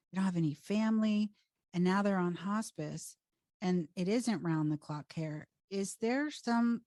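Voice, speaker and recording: A woman's voice: fairly low pitch, darkish tone, dry recording, studio quality. An American woman in casual conversation, sharing stories and asking questions as a co-host.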